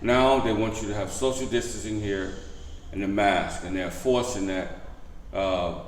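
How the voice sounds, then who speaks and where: Low-voiced male vlogger in echoey room. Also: steady tone, measured pace, slight background noise. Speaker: vlog host. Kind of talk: casual news update to camera.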